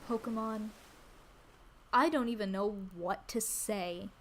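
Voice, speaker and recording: A woman chatting casually on a livestream in a cute anime-streamer manner, gushing and excitable, repeating phrases for emphasis. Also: mid-range voice, slow pace, slight background noise, low-quality recording. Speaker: VTuber streamer introducing themself. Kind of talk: casual livestream chat about games.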